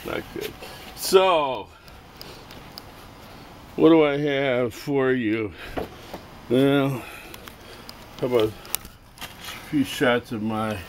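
A middle-aged toy customizer vlogger films himself first-person on a handheld camera, casually showing off toys and crafts in his cluttered home workshop and garage. His mid-range voice has vocal fry, and he rambles in a halting, self-amused way full of asides. The home camera audio is noisy.

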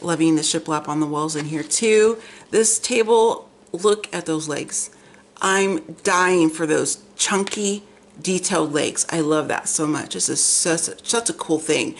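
A woman's voice: deep voice, measured pace. A woman hosting a chatty, gushing magazine flip-through, rambling, with slightly effortful articulation as if half her face were numb from the dentist. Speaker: vlog host. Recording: clear background noise, room ambience.

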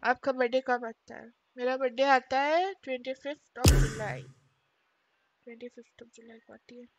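A woman streaming a multiplayer shooter game, chatting casually with her teammates and making excitable, rapid callouts. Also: high voice, dull audio, a little hiss or hum. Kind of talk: casual gaming chat with teammates.

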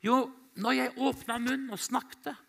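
A man from Norway, an evangelist, telling a story in a church sermon, animated and quoting himself and others. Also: very high voice, vocal fry. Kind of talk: sermon testimony.

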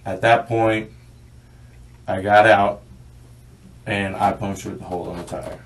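Young adult man, American accent, low pitch, monotone, halting interviewee, short answers. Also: slight background noise. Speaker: suspect being questioned by police. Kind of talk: police interview account. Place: small bare interview room, indoors. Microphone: distant room camera. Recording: distant surveillance microphone in interview room.

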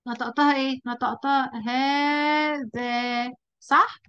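A woman with an Egyptian Arabic accent, teaching a lesson at a whiteboard, quizzing her pupil and drawing out example words slowly. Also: high voice, a bit bright, highs cut off.

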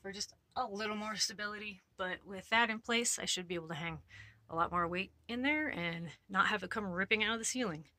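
A woman's voice: medium pitch, fairly quick, pushed and bright, no room sound. A woman in her thirties giving a casual, explanatory video tour inside a small RV trailer. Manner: informal, explanatory.

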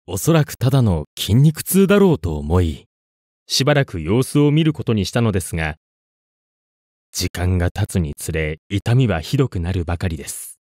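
Dramatic low-voiced man telling a ghost story. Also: a little mellow, dry recording, studio quality. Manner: dramatic, suspenseful storytelling with deliberate pauses. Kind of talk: scripted horror story narration.

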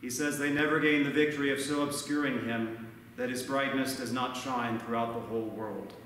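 A man in his thirties, a priest giving a measured, earnest sermon at a lectern, recorded from far off in a large church. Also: mid-range voice, steady tone, a bit bright, very echoey, in a large hall, slight background noise. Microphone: far camera, no mic seen.

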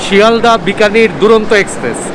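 A man's voice: high voice, fast talker, noisy background. A Bengali-accented man speaking through a face mask, explaining train details as a travel vlogger on a railway platform. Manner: informative, lists train details step by step. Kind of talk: casual travel vlog narration. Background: music.

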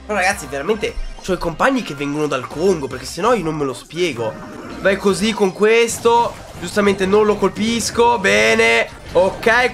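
A young man with a high, bright voice commenting on his own gameplay. He swings from excited shouts to quiet, self-mocking mutters. Music plays faintly behind him. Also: creaky. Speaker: gaming YouTuber.

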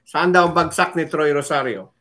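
Easygoing male co-host, slightly high voice. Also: moderate pace, sharp tone. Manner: easygoing, switches often into English. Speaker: sports show co-host. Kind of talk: casual sports talk show chat.

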